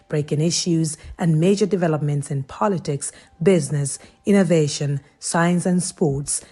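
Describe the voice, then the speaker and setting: A woman voices a scripted station promo in a lowish, mellow voice. Her read is smooth and even, pitched at inviting listeners to tune in. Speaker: promo announcer.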